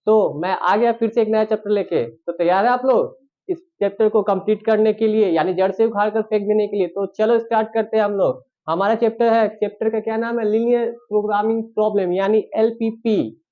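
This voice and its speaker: A man's voice: high-pitched, a little fast, narrow, tinny audio. A man teaching a math lesson online, coaxing students with questions he answers himself.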